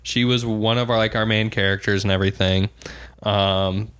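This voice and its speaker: A young man co-hosting a podcast, telling stories and giving opinions in a relaxed, casual way. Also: fairly low pitch, moderate pace, smooth. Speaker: podcast co-host. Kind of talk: casual chat.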